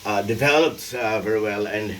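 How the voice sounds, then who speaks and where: A man's voice: distant mic, slight background noise. Rambling Filipino man in his forties. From Philippines. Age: 40s. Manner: halting, full of fillers, playful, animated swings in pitch. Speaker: vlogger and tax consultant. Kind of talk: rambling solo vlog.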